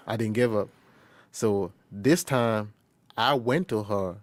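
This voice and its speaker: A young man from Liberia, a first-year college student, telling his story in an interview in a halting way, often restarting and quoting conversations. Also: lowish voice, no room sound. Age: young adult. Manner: halting, with frequent restarts and quoted dialogue. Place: quiet recording booth.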